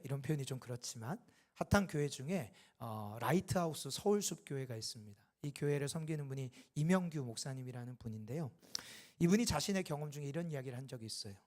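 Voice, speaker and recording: A man preaching a Sunday sermon as a pastor, building to impassioned loud peaks and falling back to quiet, and acting out the dialogue in his stories. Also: on the high side. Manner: acts out quoted dialogue in the telling. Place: church sanctuary.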